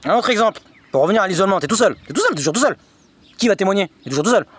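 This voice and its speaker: A man's voice: high-pitched, lively intonation, very fast, fairly bright tone, husky. A man telling a personal story in an agitated, repetitive, slangy monologue. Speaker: vlogger recounting personal experiences.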